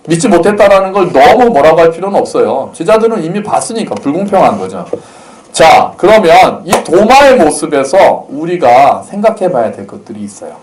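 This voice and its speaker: A man preaching in a relaxed storytelling style, his somewhat high voice rising and falling in a very animated way. He talks to the congregation like a friend, slipping into the voices of the people in the story and adding touches of gentle humor. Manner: storytelling, acts out quotes, lightly humorous. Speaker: pastor. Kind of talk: conversational sermon.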